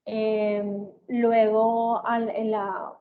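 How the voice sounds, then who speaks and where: A woman giving an explanatory lecture on therapy methods, often checking in with her listeners and filling pauses with hesitation sounds. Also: fairly high pitch, little pitch movement. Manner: checks in with listeners with "¿ok?" and "¿sí?", many "eh" fillers. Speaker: lecturer in auditory-verbal therapy. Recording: tinny, phone-like with faint hiss.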